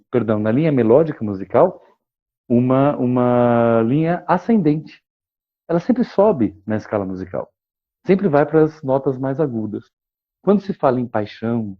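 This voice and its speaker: Guy explaining stuff slow and lecture-like, mid pitch, kinda dull lo-fi sound. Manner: measured, lecturing, frequent "né" tags and coughs. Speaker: guest expert on liturgical chant. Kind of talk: explanatory interview talk.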